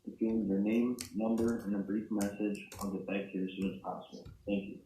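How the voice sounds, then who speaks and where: Man, recorded answering machine greeting, mellow tone, echoey phone playback, slight background noise. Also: fairly low pitch, fairly even intonation, fairly quick. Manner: plain scripted greeting read off in one go. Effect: recorded answering machine greeting played over a phone call. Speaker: person who owns the voicemail box. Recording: echoey phone line played from a computer speaker, faint noise.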